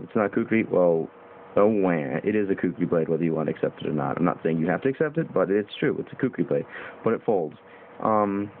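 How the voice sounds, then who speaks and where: Young man with a tinny, phone-like sound. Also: low-pitched. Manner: rambling, informal, with fillers and mild swearing. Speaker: knife reviewer. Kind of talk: casual video review. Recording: tinny phone-like audio with faint hiss.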